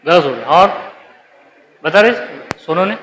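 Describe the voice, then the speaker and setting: Bright high-voiced male chemistry teacher. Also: animated, a little slow, in a large hall, a little hiss or hum, poor audio. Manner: keeps checking if students understood; calls students 'beta', coaxing. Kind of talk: live online class lecture.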